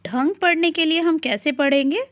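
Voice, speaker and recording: A woman's voice: high voice, no echo. A woman teaching young children to read, sounding out syllables one by one and answering her own questions. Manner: slow, deliberate sounding-out of syllables; asks questions and answers them herself. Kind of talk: children's reading lesson.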